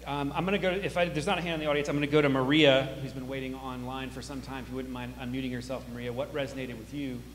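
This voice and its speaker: Moderating an audience discussion live in a big balconied auditorium, this man talks fast in a mid-range voice with a flat delivery. He's reflective and intellectual, thinking off the cuff and appreciating each speaker. The recording carries strong reverb plus faint hum and noise.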